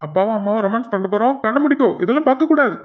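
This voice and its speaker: A man's voice: very high-pitched, animated, very fast. A man voicing a teasing young husband and father in a cartoon, chatty and full of joking asides. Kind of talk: cartoon voice acting. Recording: dull lo-fi recording.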